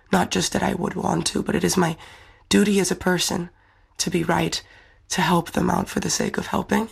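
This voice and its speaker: A young woman from the Czech Republic, a pageant winner, answers interview questions thoughtfully and earnestly in fluent English. Her voice is lowish, creaky and slightly rough.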